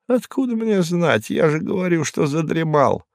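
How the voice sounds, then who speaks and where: A hoarse, rasping, badly shaken drinker, sullen and quick to lash out, as a male audiobook reader puts him on. The voice sits well above the reader's own low register, strained and edgy, in a dry, close storybook reading. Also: big pitch swings, no echo. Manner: sullen, then bursting into shouts. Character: frightened, beaten, surly hard-drinking man.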